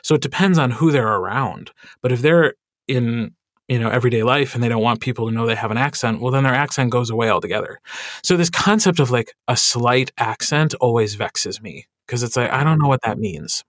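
A man who narrates audiobooks, chatting in a podcast interview with lots of fillers and animated asides. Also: mid-range voice, fairly quick, no echo, studio quality.

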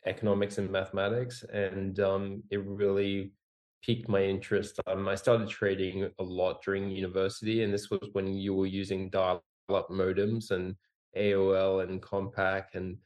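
Low-voiced man, chatty and self-deprecating. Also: level tone, moderate pace, a little mellow. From Australia, raised in Singapore and Hong Kong. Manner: rambling, many fillers and restarts, self-deprecating humor. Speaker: podcast guest, company founder. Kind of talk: casual conversational interview.

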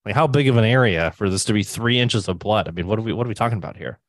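A man's voice: fairly low pitch, lively intonation, racing, no echo. A man co-hosting a casual podcast, telling joking stories and swearing freely. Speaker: podcast co-host.

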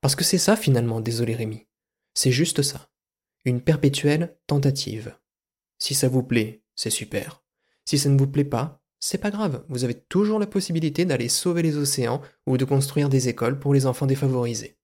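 Deadpan mock-grand French podcast host. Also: male voice, mid-range voice, normal speed. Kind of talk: deadpan absurdist monologue.

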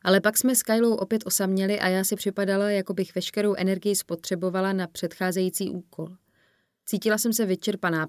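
A woman narrates a first-person audiobook in a measured, storytelling manner. Her voice sits on the low side and is recorded dry and close, with no room sound. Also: dry recording. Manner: measured storytelling, voicing the characters.

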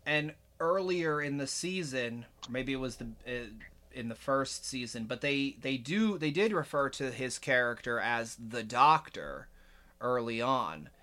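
A man's voice: mid-range voice, lively intonation, measured pace, sharp tone. A man hosting a podcast in casual chat, rambling with many fillers and restarts. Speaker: podcast host.

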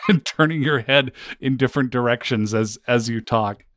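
A man's voice: mid-range voice, normal speed. Male host, mid-range voice, wry and conversational, for podcast narration and interviews. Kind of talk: scripted narration and casual interview.

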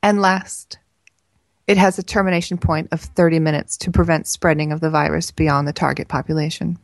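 A woman reading the lines of a scheming male scientist in a measured, lecturing manner. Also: low voice, fairly even intonation, creaky, no room sound. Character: scheming male scientist unveiling a deadly virus.

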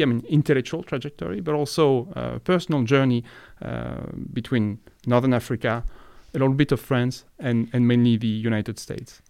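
A man's voice: mid-range voice, creaky, a little mellow, clean tone, no room sound, clean studio sound. A man hosting an academic interview podcast, hesitant and searching for words as he frames questions. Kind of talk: conversational interview.

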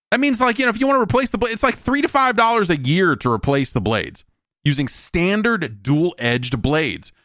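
A high, fairly bright male voice belongs to a solo podcast host who rambles along informally and with dry humor. Casual commentary alternates with ad reads he delivers himself, all captured in echo-free studio sound.

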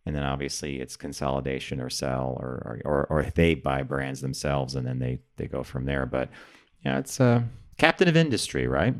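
Man, co-host, casual chat, chatty, very low voice. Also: lively intonation, moderate pace. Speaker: podcast co-host.

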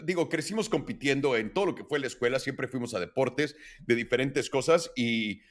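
Man, late 30s, Mexican accent, podcast co-host, casual chat, animated, slangy. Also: mid-range voice, moderate pace. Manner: animated, swearing slangy storyteller.

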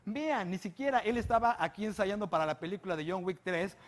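Male presenter, Mexican accent, higher voice, cheeky slang-filled comic commentary in a studio. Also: expressive, a little fast. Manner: joking, slangy, teasing the studio crew. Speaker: guest presenter of a comedy panel show. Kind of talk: comedic show commentary.

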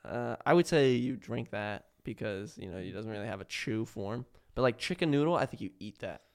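Gravelly young man rambling through a story. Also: on the low side, lively intonation, fairly quick. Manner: rambling storytelling, filled with "like" and restarts. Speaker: podcast guest, prank video maker. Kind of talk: casual podcast chat.

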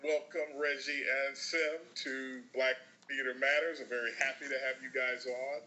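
A male podcast host interviewing guests, his voice thin and tinny as if he were talking through a tin can from far across the room, with halting restarts. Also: mid-range voice, flat delivery, bright, forceful tone. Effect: tinny, distant sound, like talking through a tin can far away.

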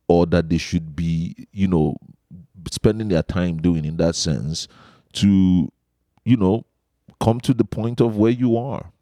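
Man putting on a playful Igbo accent, deep voice. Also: mellow, no room sound, studio quality.

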